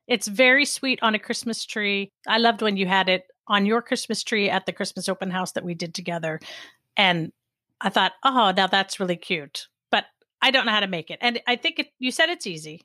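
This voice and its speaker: A woman's voice: mid-range voice, lively intonation, a little fast, sharp tone, dry recording, studio quality. A woman from the United States co-hosting a casual chat and answering with short words of encouragement.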